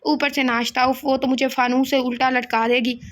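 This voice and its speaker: Brief: a cheerful, playful young woman friend in an audio novel, chatty and high-voiced, read by a woman narrator. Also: little pitch movement, normal speed, lightly acted.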